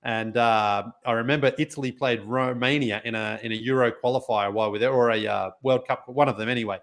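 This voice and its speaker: Man telling a lively travel story. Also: medium pitch, fast. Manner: animated anecdote with laughs and acted quotes. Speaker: podcast co-host. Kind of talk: casual chat, storytelling.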